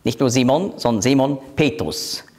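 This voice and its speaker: A man leading a Bible study, explaining scripture slowly and quoting verses aloud. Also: darkish tone. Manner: slow, explanatory, quotes scripture in a lowered voice; switches between teaching and group discussion. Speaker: Bible teacher.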